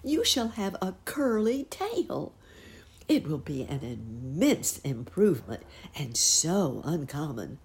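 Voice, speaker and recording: A woman's voice: low voice, sing-song, slow, a little mellow, full character voice. A woman voicing a small, grateful female fairy who pleads earnestly and eagerly.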